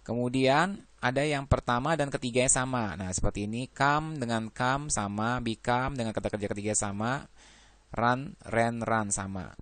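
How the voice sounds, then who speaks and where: A man's voice: medium pitch, normal speed, fairly bright tone, dry recording. A man teaching an English grammar lesson, working through verb lists and adding "ya" after nearly every phrase.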